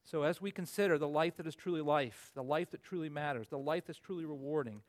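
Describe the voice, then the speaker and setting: A man in his forties preaching a sermon as pastor, earnest and swinging from emphatic peaks to low asides. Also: fast. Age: 40s.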